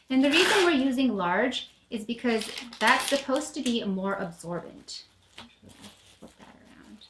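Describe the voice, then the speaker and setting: A woman's voice: on the high side, a bit bright, a little hiss or hum. A woman presenting a product in an upbeat, chatty demo, with the odd filler. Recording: echoey room.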